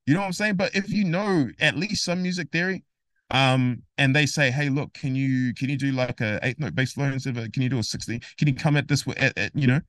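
Male podcast guest, mid pitch, lively and emphatic, acts out dialogue, dry close sound. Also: brisk, no room sound. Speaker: guest, rapper and music theory educator. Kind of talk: casual podcast interview.

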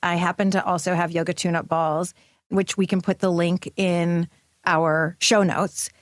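A woman's voice: on the low side, level tone, a little slow, no echo, studio quality. A woman hosting a show in casual chat, informal and effusive in the way she talks. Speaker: show host.

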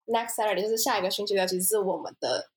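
Quick rambling young woman. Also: medium pitch, slight background noise. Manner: rambling, hesitant, restarts a lot. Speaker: podcast co-host, social media manager. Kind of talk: casual chat.

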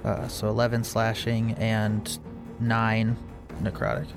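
A man's voice: on the low side, little pitch movement, slow, vocal fry, music in the background. A man casually narrating his character's actions and dice results as a player in a tabletop role-playing game.

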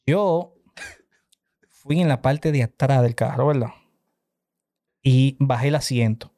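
A young man with a Dominican accent telling a story to friends in casual slang, in an animated, exclamatory way. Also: mid-range voice, takes it slowly.

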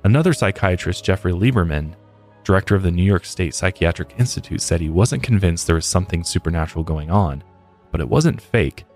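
A man's voice: low-pitched, a little fast, faint music behind. A man hosting a podcast, reading a scripted story and then chatting loosely with his co-host. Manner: steady storytelling, loose in chat. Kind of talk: scripted narration then casual chat.

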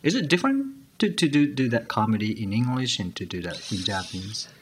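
A man's voice: medium pitch, huge pitch swings, brisk, a little hiss or hum. A man hosting an interview, asking questions and giving many short listening sounds. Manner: attentive, frequent short backchannels. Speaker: interviewer, host. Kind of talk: casual interview chat.

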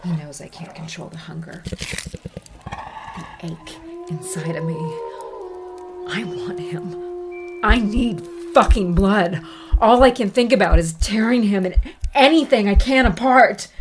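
A woman playing a teenage girl turning into a raging werewolf, narrating a horror audio drama in first person with intense, swearing dread. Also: fairly low pitch.

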